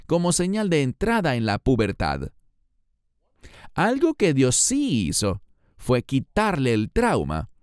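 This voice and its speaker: A man giving a scripted Bible lesson in a measured, explanatory way. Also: mid-range voice, a little mellow, clean tone, dry recording, studio quality. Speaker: Bible teacher.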